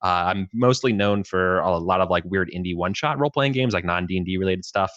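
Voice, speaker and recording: Deep-voiced man in his late twenties, lo-fi. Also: a little fast, a bit bright, no echo. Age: late 20s. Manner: laid-back, lots of "uh" fillers and restarts. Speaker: podcast guest, tabletop game master. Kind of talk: casual podcast chat.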